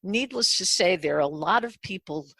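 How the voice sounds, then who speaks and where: A woman hosting a talk show interview, asking measured, deliberate questions. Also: fairly low pitch, lively intonation, a bit bright, breathy edge, dry recording.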